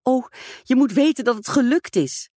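A woman reading aloud, voicing a vain, excitable society stepmother who gushes and speaks self-importantly. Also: high-pitched, moderate pace, dry recording, clean studio sound, pitched above the performer's own voice. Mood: excited. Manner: gushing, self-absorbed, exclamatory.

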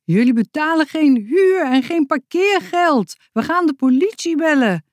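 Reader doing a shrill scolding neighbor woman, very high, storybook, dry close sound. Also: sing-song, a little slow, no echo. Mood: indignant. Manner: shouting, scolding. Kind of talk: storybook read-aloud.

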